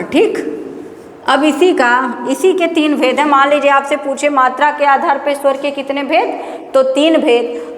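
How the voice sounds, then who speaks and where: High-voiced woman teaching in an echoey room. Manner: explains with rhetorical questions and answers them herself; drawn-out chanting of example sounds. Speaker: Sanskrit grammar teacher. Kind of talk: exam-prep lecture. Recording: echoey room with long reverb.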